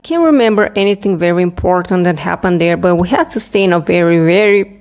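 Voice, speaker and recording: A young woman with a slightly low-pitched voice tells stories in a casual, chatty vlog style. She speaks with braces, so her S sounds come out a little impeded. Her delivery is informal and self-deprecating. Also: fast, darkish tone. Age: young adult. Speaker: small-channel video creator telling personal stories.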